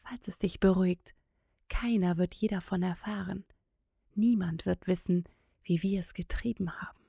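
A woman's voice: mid-range voice, unhurried, a little mellow, dry recording, clean studio sound, close to an everyday voice. Woman reading a teasing, seductive woman. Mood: whispering. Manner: coaxing, breathy whispers at times. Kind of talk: audiobook character reading.

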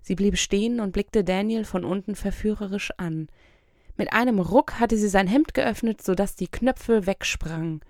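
A woman narrating an audiobook in a calm, measured reading voice, recorded close to the mic. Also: medium pitch, no echo. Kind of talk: scripted narration.

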